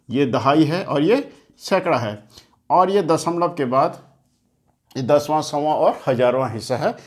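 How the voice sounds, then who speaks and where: Man teaching kids maths, slightly higher voice, patient, repeats points, writes on a board. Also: darkish tone. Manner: patient, explains step by step; repeats and rephrases key points. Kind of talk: classroom lesson for children. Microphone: talking while writing on a board.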